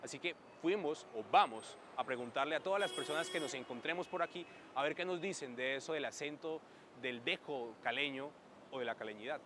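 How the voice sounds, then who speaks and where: A man's voice: mid-range voice, fairly quick, background noise. A man with a Colombian accent reporting on location from an outdoor city square and asking passers-by questions. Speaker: street reporter.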